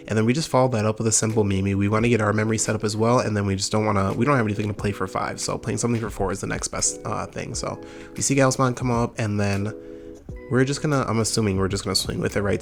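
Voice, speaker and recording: Commentating casually on his card game play, this young channel host talks fast and upbeat like a typical gamer. His lowish voice is creaky and a bit nasal because of a summer cold.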